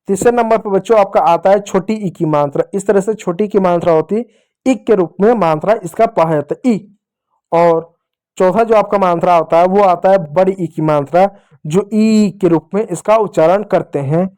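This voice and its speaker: A man teaching young children how to read Hindi, patiently repeating each sound slowly and speaking straight to the kids. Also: high-pitched, a little mellow.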